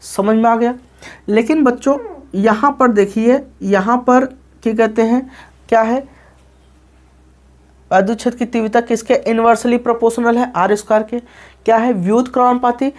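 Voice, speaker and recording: A male physics teacher with an extremely high voice lectures a class on graphs at a moderate pace, steady in tone and pausing often. He repeats himself, poses and answers his own questions, calls the students "children," and keeps asking "okay?" to be sure they follow.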